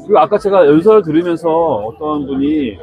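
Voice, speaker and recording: A man's voice: fairly high pitch, animated, normal speed, vocal fry, over music. A man conducting a casual on-site interview, conversational and following up with questions. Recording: busy crowd noise behind.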